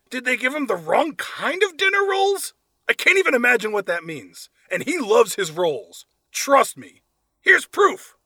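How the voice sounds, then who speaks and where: A man's voice: very high voice, pushed and bright, no room sound. A man hosting a podcast, giving sarcastic, profane comedic commentary while reading reviews aloud. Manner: sarcastic, swears freely. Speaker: podcast host.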